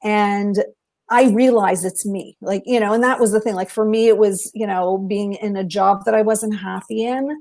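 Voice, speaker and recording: A woman's voice: mid-range voice, fairly even intonation, normal speed, a little mellow. Candid middle-aged woman, life coach guest. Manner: candid and personal, hedges with "you know". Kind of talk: reflective interview chat.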